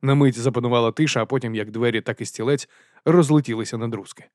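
A man narrating an audiobook in a steady, even reading voice. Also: mid-range voice, fast, no echo, studio quality. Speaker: audiobook reader.

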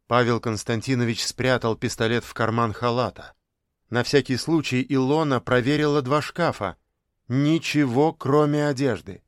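Measured male audiobook narrator, dry. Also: mid-range voice, clear, resonant tone, no echo. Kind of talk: scripted narration.

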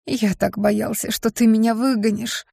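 A woman's voice: a little high, level tone, moderate pace, vocal fry, dark tone, husky, dry recording, studio quality, heavily acted. A woman reading an audiobook and voicing a small male imp demon who sniffles and pleads guiltily. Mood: tearful pleading. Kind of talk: audiobook character voice.

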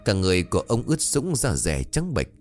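A man tells a ghost story in a low, lively voice that rises and falls with the tension. He also slips into the characters' voices for their lines. Faint music plays underneath the narration. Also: a little fast.

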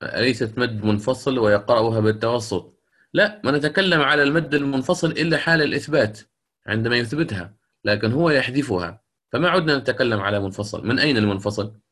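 A middle-aged man teaches the rules of Quran recitation to a class. He explains each point patiently and stops now and then to put questions to his students. When he reaches a verse, he slows down and recites it carefully. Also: medium pitch, animated, a bit bright.

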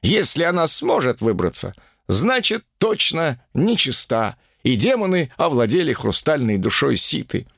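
A man reading an audiobook and voicing a pompous, fanatical male guru who preaches against women in a drawn-out, sanctimonious way. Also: on the high side, very animated, vocal fry, a bit bright, no echo, studio quality, heavily acted. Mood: self-righteous.

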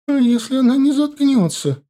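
Casting: a man doing a tearful frightened wife, shrill and high, husky edge, audiobook. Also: sing-song, normal speed, dark tone. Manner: shrill, sobbing protests.

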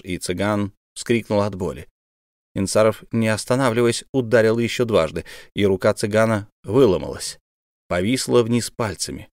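A man narrating an audiobook in a dramatic, measured delivery. His voice sits low. The recording is dry and close. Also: darkish tone, no room sound. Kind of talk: scripted narration.

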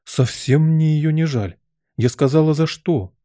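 A man's voice: on the high side, measured pace, mellow, pitched above the performer's own voice, close to an everyday voice. A man reading a storybook aloud, voicing a bold, curious young girl who answers plainly and firmly. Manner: plain, decisive replies.

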